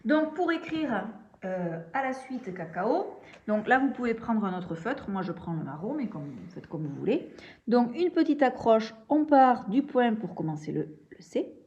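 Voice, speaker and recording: Young woman teacher, lively, slightly high voice, slow and patient, dull lo-fi home recording. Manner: patient, step-by-step, repeats sounds slowly. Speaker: primary school teacher. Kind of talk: remote reading and handwriting lesson.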